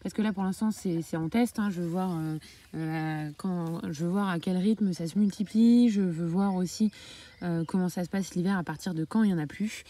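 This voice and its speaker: Woman, from France, casual homestead vlog, hesitant with fillers, lowish pitch, dark mellow tone. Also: normal speed. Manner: hesitant, many filler sounds. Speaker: backyard poultry keeper.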